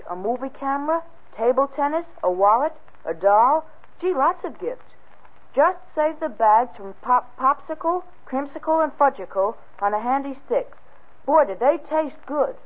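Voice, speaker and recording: A performer playing an eager, wholesome all-American boy, gushing through an old radio advertisement. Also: high-pitched. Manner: gushing, boyish exclamations. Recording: tinny vintage radio recording.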